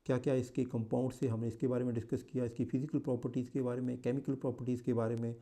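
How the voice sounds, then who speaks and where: A man's voice: medium pitch, level tone, quick pace, warm tone. A man with an Indian accent teaching an exam-prep lecture, mixing English terms into his talk and often repeating and correcting himself. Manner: mixes English into Hindi, repeats and self-corrects.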